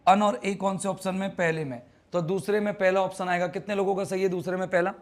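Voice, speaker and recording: A man's voice: high voice, level tone, fast talker. A man teaches an English grammar class live online. He talks casually and coaxes his students, repeating words over and over to drill them.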